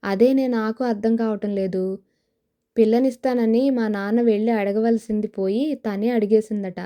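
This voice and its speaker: A woman's voice: a little high, fairly even intonation, normal speed, mellow, close to an everyday voice. A woman voicing a wistful young village woman who dreams of film stardom, in an audio novel. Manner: wistful, sighing.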